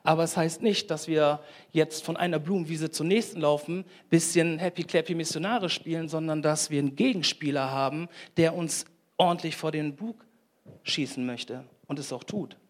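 Guy giving a sermon, pretty high voice, gets loud and fired up, keeps asking the crowd stuff. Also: moderate pace. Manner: energetic, rises to loud emphatic preaching; asks the congregation direct questions. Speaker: lay preacher. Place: church hall with congregation.

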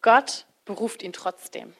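A woman's voice: medium pitch, unhurried. A young adult woman preaching a sermon in a conversational way, speaking directly to listeners with rhetorical questions and casual fillers.

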